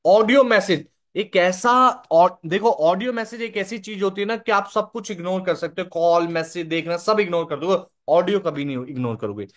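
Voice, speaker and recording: A young man with a notably high voice leads a live online training session. He talks in an instructive way, repeats his key points, and keeps asking the audience whether they follow. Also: moderate pace, hardly any pauses. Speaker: sales trainer.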